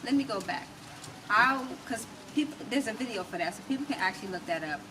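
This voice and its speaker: Animated and fast, a medium-pitched American woman with a small, soft-projecting voice talks casually as a guest in an interview. She's a natural healer and spoken word artist from the United States. With no wireless mic, only a camera mic at a distance catches her amid background noise.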